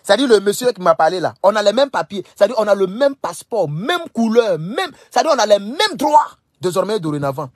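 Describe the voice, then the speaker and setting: Young man, high voice, husky edge, emphatic, repeats himself, dry close sound. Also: sing-song, fairly quick, hardly any pauses, no room sound. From Burkina Faso. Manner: emphatic, repeats phrases, scolding asides. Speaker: political commentator. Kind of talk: casual direct-to-camera monologue.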